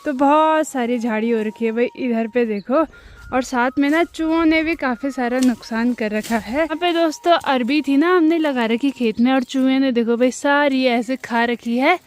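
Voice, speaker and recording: A young woman from the Uttarakhand hills of India vlogs casually from a hillside farm field, chatting with her viewers as if they were friends. Her voice is high-pitched and moves at a moderate pace as this village lifestyle vlogger explains things in a relaxed way.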